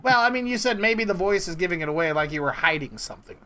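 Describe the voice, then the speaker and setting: Talking fast and animatedly, this thirty-something man pitches his voice high with a bright, forceful edge. As a prank caller playing interviewer, he pokes with probing questions during a casual, teasing phone conversation.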